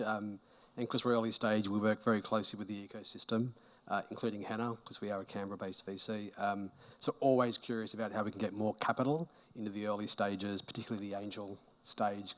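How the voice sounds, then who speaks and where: Brisk, fast-talking man investor. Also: fairly low pitch, a bit bright. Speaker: venture capital investor. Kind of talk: self-introduction at a panel.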